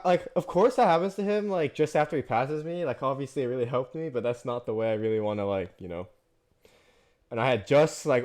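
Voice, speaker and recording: A man streaming his sim racing live, chatting excitedly and swearing freely as he drives, breaking into loud cheers. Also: lowish voice.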